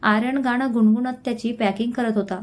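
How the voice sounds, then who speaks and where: A woman storyteller narrating a scripted story, reading steadily and clearly. Her voice sits fairly high, with an even pace. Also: a little fast.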